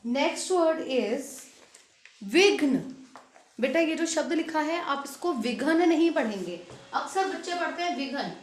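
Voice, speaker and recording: A woman school Hindi teacher giving a lesson, reading out word lists slowly and stressing each word and its spelling. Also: sits high, lively intonation, echoey room. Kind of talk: online class lesson.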